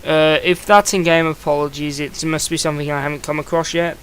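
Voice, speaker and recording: A man's voice: on the high side, flat delivery, brisk, a bit bright, clear, resonant tone. A young man giving a casual video review, rambling and chatty, often restarting his sentences. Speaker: comic book reviewer.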